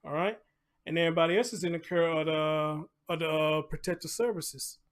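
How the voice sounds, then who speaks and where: This American man hosts a laid-back live commentary show, and his voice sits on the high side with a fairly even intonation and a brisk pace. He talks conversationally, tossing in preacher-like asides, repeated phrases and rhetorical questions.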